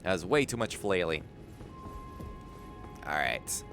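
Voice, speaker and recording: Male livestreamer, excitable gaming chat, very lively pitch, unhurried pace, repeated phrases, faint background music. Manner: animated, yelping, repeats phrases. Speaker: live streamer.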